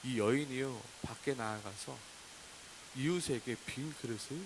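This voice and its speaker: A man in his thirties preaching a sermon, animated and acting out complaining prayers in a raised voice. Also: medium pitch, measured pace. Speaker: pastor. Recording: faint hiss.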